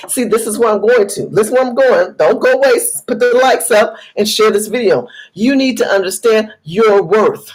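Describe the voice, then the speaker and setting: Husky, emphatic woman lecturing her viewers. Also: on the high side, moderate pace, few pauses, darkish tone, low-quality recording. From United States. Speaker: political commentator vlogger. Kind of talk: impassioned direct-to-camera commentary.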